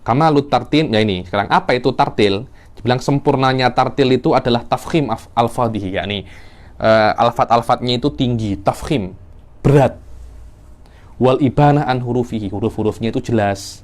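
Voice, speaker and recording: A man teaching a class on Quran recitation, jumping up in pitch as he demonstrates intonation. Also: normal speed. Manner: animated, acts out verse intonation with sudden pitch leaps. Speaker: religious teacher.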